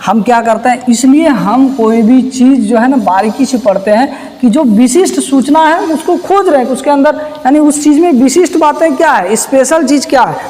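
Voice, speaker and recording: A woman with a high, bright-pitched voice teaches through past exam questions one at a time. She keeps posing rhetorical questions and answering them herself, and she repeats each key term. The sound rings with a long, lingering reverb. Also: moderate pace, hardly any pauses. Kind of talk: recorded lesson solving past exam questions. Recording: long reverb, echoey room.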